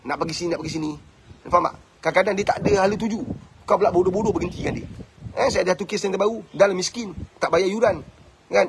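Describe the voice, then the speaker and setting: A man's voice: sits high, slight background noise. A middle-aged man with a Malaysian Malay accent, a religious school head lecturing parents in a blunt, preachy way and often asking rhetorical questions.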